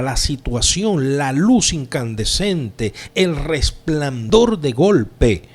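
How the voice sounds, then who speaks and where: A man preaching a sermon as pastor, slow and emphatic with dramatic pauses. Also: fairly high pitch, darkish tone.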